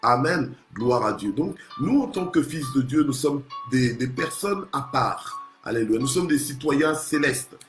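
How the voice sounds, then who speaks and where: A man's voice: mid-range voice, lively intonation, measured pace, hardly any pauses, soft background music. A male pastor from Congo preaching a morning sermon, punctuating nearly every phrase with alleluia and amen and often restarting his words. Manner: restarts and repeats words while searching for phrasing. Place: church. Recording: roomy echoey church sound.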